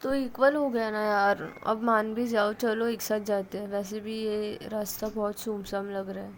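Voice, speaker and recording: A woman's voice: mid-range voice, little pitch movement, moderate pace, a little hiss or hum, lightly acted. A woman voicing a playful young woman who teases and coaxes her friend. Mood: coaxing. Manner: teasing, coaxing.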